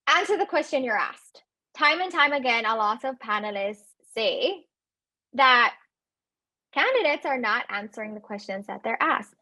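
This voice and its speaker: A woman in her thirties with an accent, giving animated coaching advice in a webinar and addressing listeners directly. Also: on the high side, moderate pace, no echo. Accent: non-native English accent. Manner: animated, laughs often, speaks directly to listeners. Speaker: webinar speaker on residency interviews.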